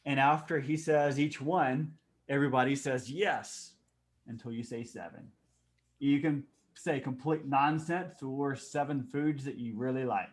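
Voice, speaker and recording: A man leads an online improv workshop over a video call. He talks at a middle pitch in a casual, halting way, restarting sentences and filling pauses as he explains. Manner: halting, with many fillers and restarts. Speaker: workshop facilitator.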